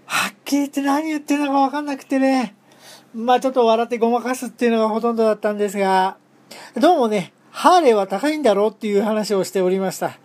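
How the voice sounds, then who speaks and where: A woman's voice: medium pitch, a little mellow. A woman hosting her own talk show, recounting a solo camping trip in a polite, formal way with humorous asides and frequent hesitations. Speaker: podcast host. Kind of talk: solo travel storytelling.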